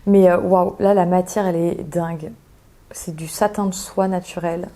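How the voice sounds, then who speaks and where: A woman's voice: on the low side, fairly even intonation, moderate pace, warm tone, a little hiss or hum. A young woman chatting casually as a sewing vlogger, thinking aloud with lots of hesitations as she describes fabrics. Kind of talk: casual chat.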